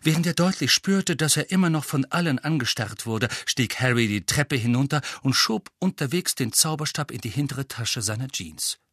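A man reading a story aloud in an expressive, animated narration, voicing each character. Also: medium pitch, normal speed, few pauses, dry recording, studio quality. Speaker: audiobook reader.

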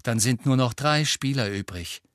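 A man voices a teenage boy hero in a storybook, irritable and bitter. He talks curtly and sharply. The pitch sits somewhat above the reader's own. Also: moderate pace, a bit bright, no room sound, clean studio sound, close to an everyday voice. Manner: curt, irritable.

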